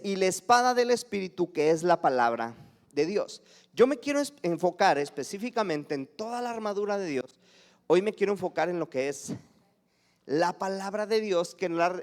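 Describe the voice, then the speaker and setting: A man with a Mexican accent preaching a conversational sermon, asking his congregation questions and acting out stories from his childhood. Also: high-pitched. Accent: Mexican Spanish. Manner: conversational, acts out anecdotes and asks the congregation questions. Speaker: pastor.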